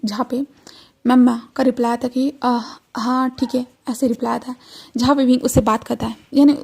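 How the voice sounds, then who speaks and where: Brief: woman storyteller, casual retelling, slightly high, mellow voice. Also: steady tone, brisk, gravelly, breathy edge. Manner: conversational, with frequent fillers. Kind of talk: casual fan fiction retelling.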